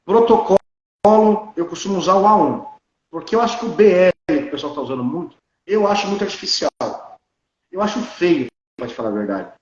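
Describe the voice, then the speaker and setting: High-voiced blunt Brazilian dentist, echoey. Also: male voice, a little fast, lo-fi sound. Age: 30s. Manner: animated, opinionated, blunt. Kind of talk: casual conversation.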